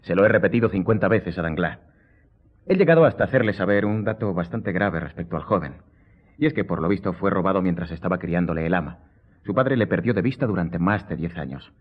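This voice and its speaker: Deep-voiced, ironic count, phone-like sound. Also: male voice, lively intonation, fairly quick. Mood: emphatic, ironic. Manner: courtly, theatrical, wryly ironic. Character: worldly, ironic, self-assured count, a seafaring gentleman. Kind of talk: Spanish radio drama acting. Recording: muffled, phone-like radio recording.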